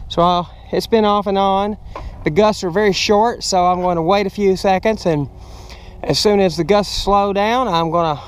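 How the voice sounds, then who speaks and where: Wind and machinery noise fill this outdoor action-camera clip of a middle-aged American roof cleaning contractor on a ladder at the roofline. He demonstrates his work to camera, explaining it casually and plainly in a smooth, high-pitched voice at a moderate pace.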